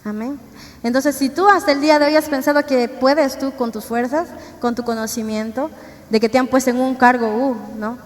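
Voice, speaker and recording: High-voiced woman preaching in a hall. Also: fairly even intonation, normal speed. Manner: earnest, conversational, asks the congregation questions. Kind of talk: sermon testimony. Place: church. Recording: church hall reverb, faint ambient noise.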